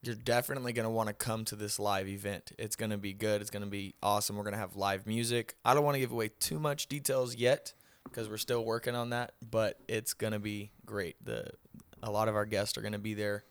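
Joking Texan man, low voice. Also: flat delivery, a little fast, hardly any pauses, smooth, dry recording. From Texas. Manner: joking, teasing. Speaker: podcast co-host. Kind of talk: casual podcast chat.

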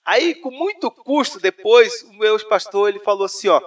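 A man with a Brazilian Portuguese accent, telling a personal story in a casual interview. He talks in a lively, animated way. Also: high-pitched, moderate pace, distant mic. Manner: animated storyteller, says "cara" often. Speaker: interview guest. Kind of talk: personal testimony, casual conversation.

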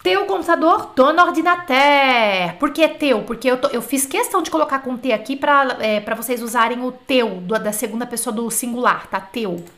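Woman teacher, slightly high voice, chatty online French lesson, stretches out dictated words. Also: a bit bright. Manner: slow, drawn-out dictation of example words; chatty, asks the class questions. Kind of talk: live online language class.

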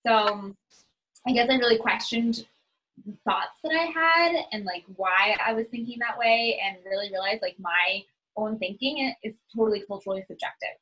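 A young woman from New England talks in an upbeat, chatty way, leaning on "like" as she answers questions. Her voice is bright and sits a little high. She sounds relaxed and conversational. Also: moderate pace, rough recording. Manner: chatty, uses "like" a lot, upbeat. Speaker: interviewee. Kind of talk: casual conversational interview.

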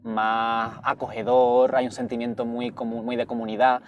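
A young man with an Andalusian accent, a guest telling animated stories in a casual chat inside a car. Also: medium pitch, highs cut off, a little hiss or hum. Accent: Andalusian Spanish. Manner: animated, quick storytelling with laughs. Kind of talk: casual conversation.

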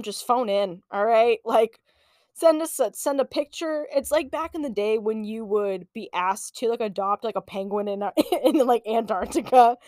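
A woman in her late twenties hosting a podcast, telling a personal story in a casual, animated, profane way and laughing often. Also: medium pitch, dry recording, studio quality. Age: late 20s. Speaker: podcast host.

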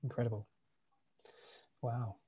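A man's voice: medium pitch, flat delivery, slow pace, slightly rough, phone-quality sound. A man who hosts a conversational interview series as a coach, effusive and enthusiastic with his guest over a video call.

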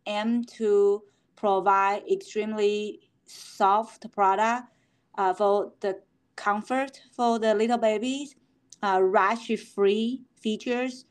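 Answering an interview as a company founder, a middle-aged woman from Taiwan speaks in a clear, resonant, medium-pitched voice. Her speech halts often, filled with fillers and restarts.

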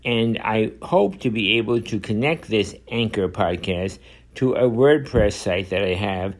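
A man's voice: fairly low pitch, unhurried. A man, hosting a solo podcast in a rambling monologue full of fillers and restarts. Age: 70s. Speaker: podcast host.

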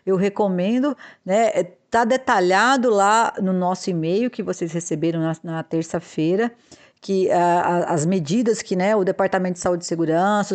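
A woman explains workplace legal rules on a podcast. She is deliberate and advisory, and she often hesitates and restarts a phrase before going on. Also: fairly low pitch, a little mellow. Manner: measured, with frequent hesitations and restarts. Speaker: podcast host, labor law advisor.

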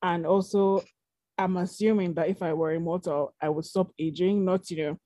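A young woman chats casually on a podcast, rambling through her thoughts with plenty of "like" and "you know." Her voice is mellow and warm, on the lower side, and the recording is dry and close. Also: steady tone, normal speed, no room sound. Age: young adult. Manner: chatty, rambling, many fillers. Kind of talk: casual chat.

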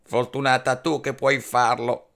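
A man doing small fearful parakeets, high and slow, gravelly, storybook. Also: flat delivery, fairly bright tone. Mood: timid. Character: small timid caged parakeets, noisy and fearful.

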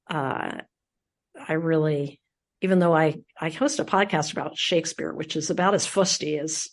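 A middle-aged woman from Philadelphia, a public radio host being interviewed, talking in an earthy, candid, lively way. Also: fairly low pitch. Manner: earthy, animated, self-deprecating. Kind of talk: casual interview chat.

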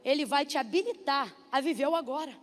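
A woman's voice: sits high, a little fast. A woman pastor preaching a sermon, stretching her words for emphasis and calling out for responses from the congregation. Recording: long hall reverb with faint music.

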